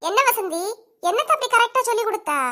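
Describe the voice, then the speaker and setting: A sharp-tongued village woman bickers with her neighbours in a cartoon comedy, voiced by a woman. Her voice sits very high, and she scolds and accuses in a Kanyakumari Tamil accent. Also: animated, quick pace, exaggerated voice. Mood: quarrelsome. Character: bickering village women neighbours, quick-tempered.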